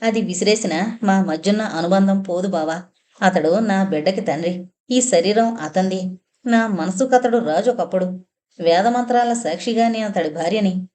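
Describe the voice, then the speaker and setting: A woman's voice: mid-range voice, moderate pace, darkish tone, lightly acted. Woman voicing a grieving young blind woman. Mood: anguished. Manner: tearful, pleading.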